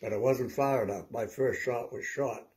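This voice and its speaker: A man in his nineties, an old veteran remembering his war days in a halting, rambling, conversational way with repeated words. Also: mid-range voice, a little mellow. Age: 90s. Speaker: WWII veteran interviewee. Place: small living room at home, seated.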